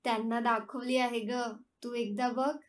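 A woman voicing a playful young man in love, reading him in her own slow storyteller voice. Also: fairly high pitch, flat delivery, close to an everyday voice. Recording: distant from the mic.

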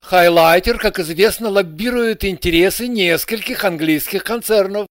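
A woman's voice: mid-range voice, moderate pace, dry recording, clean studio sound, natural voice. A woman doing a weary, mumbling male interpreter. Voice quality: flat, mumbling, resigned.

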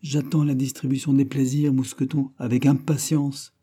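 A man voicing a bold, middle-aged male musketeer who asks brisk, teasing questions. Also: medium pitch, level tone, mellow, breathy edge, pitched above the performer's own voice, close to an everyday voice. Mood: eager.

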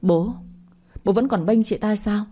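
A woman voicing an angry young sister-in-law who makes fast, tearful accusations, in an audio story. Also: mid-range voice, dark tone, husky, soft background music. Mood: accusing.

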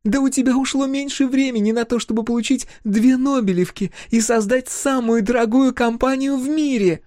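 A woman's voice: fairly high pitch, normal speed, dark tone, no echo, studio quality, voice pushed up, close to an everyday voice. A man voicing a fierce, bitter young woman scientist whose voice breaks in anger. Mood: accusing. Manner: cutting, angry, voice breaking.

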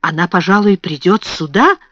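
A woman's voice: on the low side, expressive, normal speed, a bit bright, no room sound. Woman voicing a timid good-natured girl, fearful questions, storybook reading, dull audio. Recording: dull lo-fi recording.

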